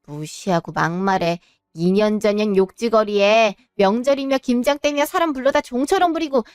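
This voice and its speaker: A woman's voice: mid-range voice, normal speed, clean tone, no echo, clean studio sound, lightly acted. A woman voicing a defiant daughter-in-law who speaks with cool, cutting politeness. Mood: coldly defiant. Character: cold, defiant daughter-in-law taking revenge.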